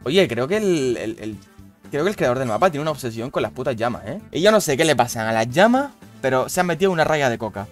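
A young man, giving casual, swear-heavy commentary over his gameplay with loud, baffled outbursts. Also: mid-range voice, sing-song, fast talker, faint music behind. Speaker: gaming youtuber.

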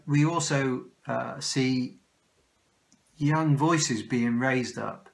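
A man's voice: mid-range voice, gravelly. An older man with a Welsh English accent preaching a sermon recorded at home, speaking earnestly and often restarting his words, close to a phone or webcam in a small room. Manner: slow, earnest, with frequent restarts. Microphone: phone or webcam close in front.

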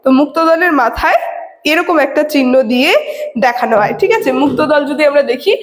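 A woman's voice: high-pitched, a little fast. A woman teacher explaining a lesson to her students, checking in often and asking questions she then answers herself. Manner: repeats "ঠিক আছে" and asks rhetorical questions. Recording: echoey room with long reverb.

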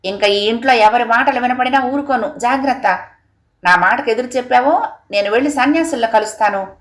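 A woman's voice: a little high, brisk, voice pushed up, close to an everyday voice. Stern middle-aged father who rules the house, read by a woman narrator. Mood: angry. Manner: domineering, threatening. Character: stern old-fashioned village father, middle-aged man. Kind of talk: audiobook character reading.

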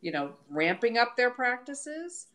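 A woman in a casual chat, agreeing warmly and adding her own points about the events. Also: on the high side, sing-song, unhurried. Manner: agreeable, chimes in with affirmations.

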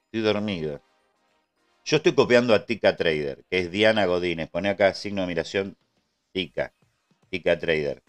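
A man's voice: low-pitched, moderate pace, long pauses, faint music behind. A man with an Argentine accent hosting a casual live trading stream, chatting loosely and answering his viewers. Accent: Argentine Spanish. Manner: chatty, answers chat and thanks subscribers.

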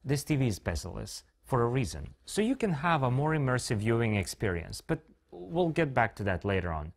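A man's voice: mid-range voice, very animated, fairly quick, gravelly. Guy hosting a tech launch, jokey and self-mocking, voice bounces around a lot. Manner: playful, self-mocking, joking asides. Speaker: launch event presenter. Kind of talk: scripted comedic product presentation.

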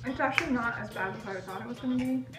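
High-voiced young woman, mouth burning from spicy food. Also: fast talker. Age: young adult. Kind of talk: casual reaction chat. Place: home dining room. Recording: echoey room under loud music.

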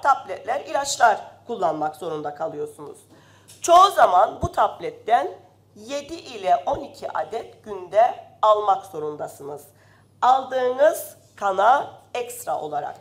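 A woman member of parliament, giving an impassioned, indignant speech at a rostrum microphone in a parliament chamber while slightly ill. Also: a little high. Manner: impassioned, indignant, rising to loud emphasis.

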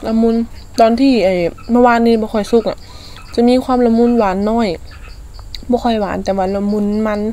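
A woman with an Isan accent chatting casually as she eats in a food vlog, using soft polite particles. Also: fairly high pitch, steady tone, a little fast. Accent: Isan (Northeastern Thai). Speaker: food vlogger.

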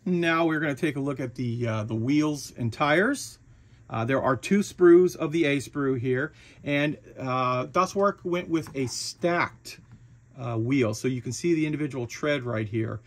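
Guy, mid-pitched, easygoing hobbyist walkthrough with lots of fillers. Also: unhurried. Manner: relaxed, chatty, with frequent fillers and restarts. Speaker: hobby shop owner reviewing a model kit. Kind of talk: casual product walkthrough.

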